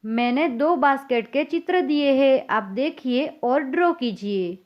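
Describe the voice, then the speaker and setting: A woman's voice: sits high, lively intonation, muffled recording. A woman teacher, going through a textbook lesson and reading each English line before explaining it in Hindi. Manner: reads English slowly, then explains in Hindi.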